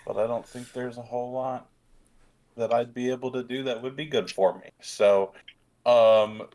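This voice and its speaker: A man's voice: medium pitch, steady tone, moderate pace, darkish tone, low-quality recording. A man playing a tabletop game, talking casually and hesitantly as he works out his character's actions. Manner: hesitant, trailing.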